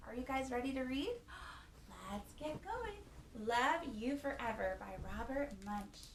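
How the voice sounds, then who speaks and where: A high-voiced storytime host reads a picture book to young children, expressive and animated, gasping and asking the little ones questions. The room echoes, with faint noise behind her.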